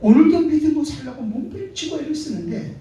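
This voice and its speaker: Animated male pastor preaching in echoey church. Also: extremely high pitch, quick pace, gravelly. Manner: emphatic, rhetorical questions to the congregation. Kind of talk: sermon. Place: church sanctuary. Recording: echoey church hall from far off.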